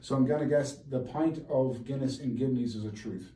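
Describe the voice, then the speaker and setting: A man's voice: medium pitch, moderate pace, mellow. A man in his forties with an Irish accent, chatting casually as a guest and telling stories. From Ireland. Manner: chatty, storytelling. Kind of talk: casual chat. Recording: echoey room from far off, faint noise.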